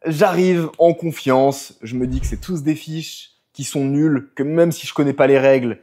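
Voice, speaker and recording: A man's voice: on the high side, fairly even intonation, a little slow, warm tone. A man telling his poker session as a vlog, analytical and full of English poker jargon. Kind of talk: storytelling vlog narration.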